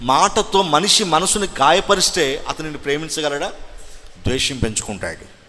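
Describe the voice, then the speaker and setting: Preaching pastor with hall reverb. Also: male voice, fairly high pitch, animated, moderate pace. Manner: call-and-response questioning, rising to loud exhortations. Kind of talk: Sunday sermon. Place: church hall.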